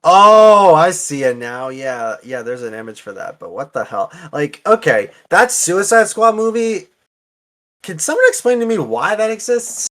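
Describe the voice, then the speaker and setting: A man's voice: fairly high pitch, very animated, measured pace, fairly bright tone. Hesitant man chatting casually. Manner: hesitant, many fillers. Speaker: podcast co-host. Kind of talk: casual chat.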